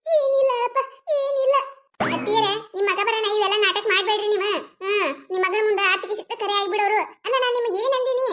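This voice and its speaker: A sharp-tongued, put-upon young village daughter-in-law from a cartoon comedy, voiced by a woman. Her voice is very high and squeaky, with a North Karnataka Kannada accent. She fires back complaints at a fast clip. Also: music in the background. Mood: defensive.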